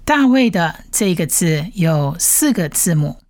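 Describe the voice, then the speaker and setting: A woman's voice: fairly low pitch, very animated, slow, darkish tone, no room sound, studio quality. A woman teaching a Bible Hebrew reading lesson, patiently spelling out letters and repeating each sound several times. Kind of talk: slow step-by-step reading lesson.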